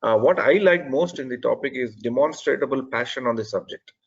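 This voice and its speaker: A man's voice: mid-range voice, brisk, creaky, slightly rough, lo-fi sound. A man giving earnest, methodical spoken feedback on an online presentation, often restarting his sentences. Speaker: presentation evaluator.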